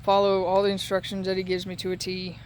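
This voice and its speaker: A man talking casually and haltingly in a solo update while recovering from surgery with a sore throat. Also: high voice, completely flat delivery, slight background noise. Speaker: patient giving a recovery update.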